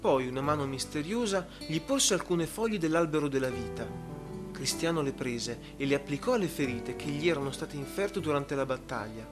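Man narrating a storybook, bit high voice, music under it. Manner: steady, measured storytelling. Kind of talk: scripted narration. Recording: music playing behind.

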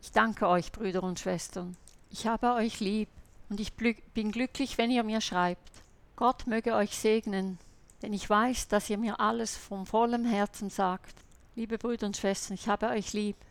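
A woman's voice: mid-range voice, fairly even intonation, measured pace. A woman giving an earnest, fervent personal faith testimony as a lay preacher, speaking directly to her listeners as brothers and sisters.

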